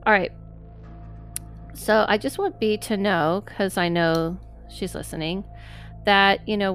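Casting: lower-voiced woman host, chatty and encouraging, casual podcast talk. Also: creaky. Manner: chatty, affirming, laughs often. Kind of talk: casual interview chat.

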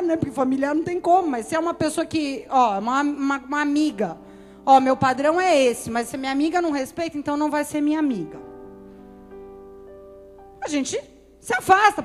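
A woman's voice: very high voice, in a large hall. A woman pastor giving a sermon in a chatty, conversational way, often acting out the people she quotes.

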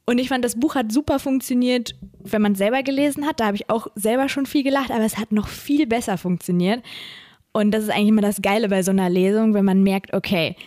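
A woman's voice: on the high side, quick pace, a little mellow, dry recording. Chatty woman host, dry sound. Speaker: podcast host. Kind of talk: casual chat. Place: her kitchen.

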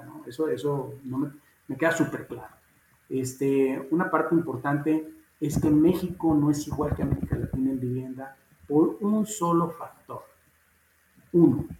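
A man's voice: medium pitch, darkish tone, reverberant, rough recording. A man with a Mexican accent, a guest in a casual interview, talking emphatically and informally. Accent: Mexican Spanish. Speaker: guest, housing executive.

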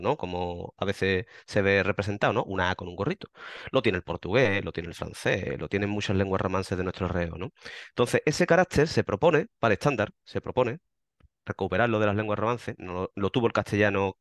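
Low-voiced Andalusian man explaining patiently. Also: a little fast, no echo, studio quality. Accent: western Andalusian Spanish. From western Andalusia, Spain. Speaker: interview guest, member of a volunteer group. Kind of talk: explanatory interview answers.

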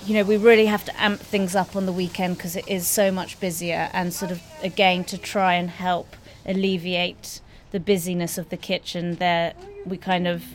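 A woman's voice: lowish voice, level tone, normal speed, hardly any pauses, a little hiss or hum. A woman who owns a café and has written a cookbook, talking in a candid, chatty, self-deprecating way. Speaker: café owner and cookbook author. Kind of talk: casual conversation.

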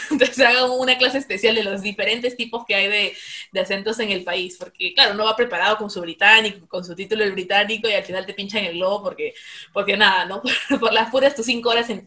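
A woman hosting a casual interview, lively and chatty, often acting out her own quoted reactions. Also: mid-range voice. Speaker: podcast host.

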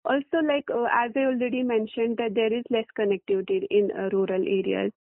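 Woman, Kashmiri accent, slightly high voice, halting interview answers, hesitant, thin telephone sound. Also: steady tone, no echo. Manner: hesitant, halting, with very frequent pauses and fillers. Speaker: freelance journalist being interviewed. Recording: phone-like, thin telephone line.

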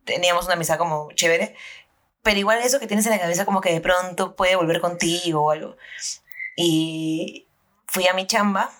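A woman's voice: fairly low pitch, moderate pace, fairly bright tone. A woman, telling a story in casual chat and swearing freely. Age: 30s.

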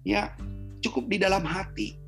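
A man preaching a sermon to his congregation, swinging between low, quiet asides and high, emphatic bursts. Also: big pitch swings, moderate pace. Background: soft guitar music.

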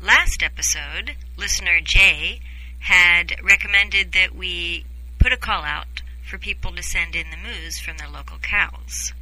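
A woman's voice: on the low side, a little slow, sharp tone, low-quality recording. A woman hosting a podcast in a casual, chatty co-hosted style. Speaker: podcast host.

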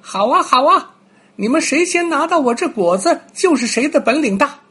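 A man's voice: extremely high pitch, animated, normal speed, pushed and bright, voice pushed up, full character voice. An older man voicing a cheerful little squirrel acting as judge in a children's story, eager and chirpy.

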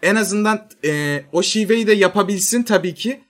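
A young man co-hosting a casual podcast, giving chatty advice with quick asides. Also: high-pitched, a bit bright. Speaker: podcast co-host.

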